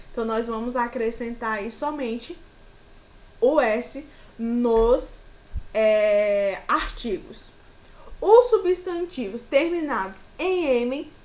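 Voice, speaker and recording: A woman with a Brazilian Portuguese accent and a slightly high voice teaches children a grammar lesson, patiently going through example words.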